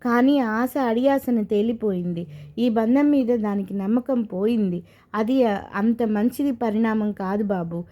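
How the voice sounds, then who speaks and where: High-voiced woman reading a story. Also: unhurried, dark tone.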